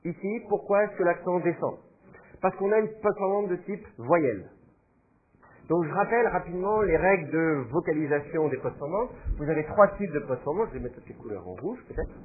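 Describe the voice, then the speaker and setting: A man's voice: fairly high pitch, expressive, fairly quick, narrow, tinny audio. A man teaching a class, explaining patiently and thinking aloud with fillers as he goes. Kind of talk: classroom lecture.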